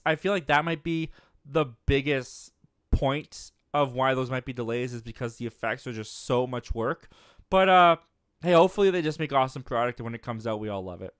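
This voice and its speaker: A man's voice: medium pitch, fairly bright tone, clear, resonant tone, no room sound, studio quality. A man in his twenties hosting a live movie show, chatting casually as he reads viewer comments and often laughing at his own jokes. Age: 20s.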